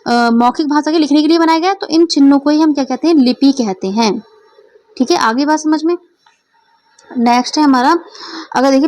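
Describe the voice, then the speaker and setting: High-voiced woman teaching an exam lesson. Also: darkish tone, no room sound. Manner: explains step by step, often checks understanding. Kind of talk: exam-prep lecture.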